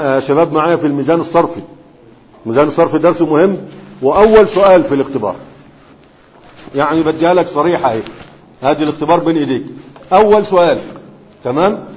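High-voiced Egyptian sheikh lecturing in a hall. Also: male voice, a little mellow. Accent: Egyptian Arabic. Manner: keeps checking students' understanding with quick questions. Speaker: Islamic scholar teaching Arabic morphology. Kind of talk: classroom lecture. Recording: reverberant hall, dull lo-fi sound.

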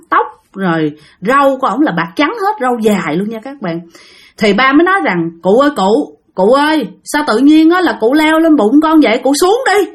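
A woman's voice: mid-range voice, a bit bright. A woman with a Southern Vietnamese accent telling a ghost story in a chatty, casual way, often talking to her listeners directly.

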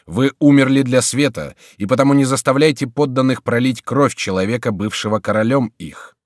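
Reading a historical novel aloud, a man voices a scheming, commanding duke, speaking sternly at a moderate pace. His mid-range voice is pitched a bit above his own, close to an everyday voice. The studio-quality recording has no room sound.

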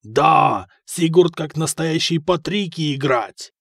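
A man voicing a loud, crude male Norse mercenary who speaks in slow, broken grammar. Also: medium pitch, expressive, slightly rough, dry recording, studio quality. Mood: gleeful.

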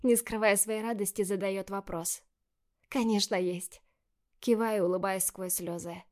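Woman narrating an audiobook. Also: medium pitch. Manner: measured, expressive reading. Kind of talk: first-person scripted narration.

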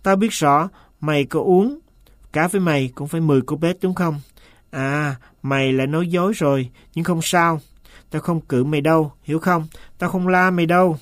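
A man reading a shrill, frantic master. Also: normal speed, dry recording, studio quality, lightly acted. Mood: coaxing. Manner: shrill, hissing when upset. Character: anxious, agitated man, master of a servant.

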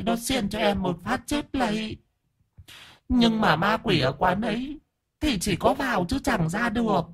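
A whiny camp ghost. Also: male voice, high voice, breathy edge, voice pushed up. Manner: whiny, pleading, sassy. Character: camp, sharp-tongued bald male ghost, tearful.

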